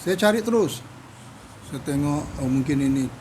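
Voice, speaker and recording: Telling his personal story as an interview guest, a fairly high-voiced man from Medan, Indonesia animatedly performs the quoted speech of everyone involved, his pitch bouncing around. His pace is moderate, and a faint hiss sits under the low-quality recording.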